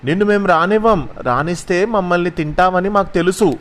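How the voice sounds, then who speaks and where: Scared little storybook piglets crying out high and shrill, done by a man. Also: brisk, fairly bright tone. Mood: frightened. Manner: high pleading cries. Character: three frightened little piglets, pleading together.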